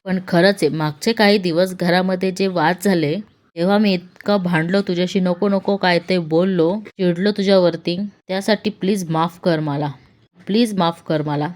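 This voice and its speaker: A woman's voice: medium pitch, moderate pace, a little mellow, lightly acted. A woman reading the lines of an older husband who is teasing and affectionate, in a light, fond manner. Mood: remorseful.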